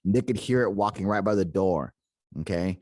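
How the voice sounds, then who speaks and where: A man's voice: low-pitched, a little fast, a little mellow, dry recording, studio quality. A man hosting a podcast, retelling a paranormal encounter in a casual, rambling way with many fillers and restarts. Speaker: podcast host.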